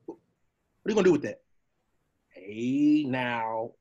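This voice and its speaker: A man voicing a talking donkey, a nervous, pleading jabberer who stammers out comic protests in a husky voice. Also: medium pitch, animated, unhurried, warm tone, dull audio, natural voice. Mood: panicked protesting. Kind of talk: comic animated-film character acting.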